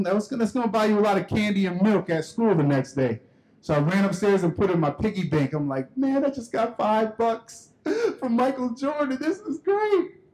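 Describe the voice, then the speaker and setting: A man with a notably high voice tells a story from a conference stage. He is animated and acts out each exchange as he goes, in the manner of a keynote storyteller. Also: poor audio. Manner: animated storyteller acting out dialogue. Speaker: keynote speaker.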